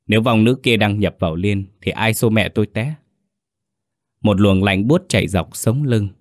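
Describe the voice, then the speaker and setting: A man narrating a ghost story in a steady, earnest first-person telling. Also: fairly low pitch, dry recording, studio quality.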